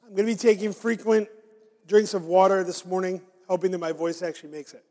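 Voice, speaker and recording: This pastor preaches conversationally, dropping in frequent fillers, his voice raspy and hoarse from a raw throat. It's high and darkish, slightly fast, with a level tone, and a long hall reverb surrounds it.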